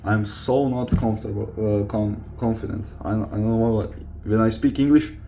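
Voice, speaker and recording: A young Croatian vlogger and football player speaks at a moderate pace in a lowish, mellow, steady voice, with a little hiss or hum audible. He chats casually and confessionally to camera in Croatian-accented non-native English, hesitating to find words.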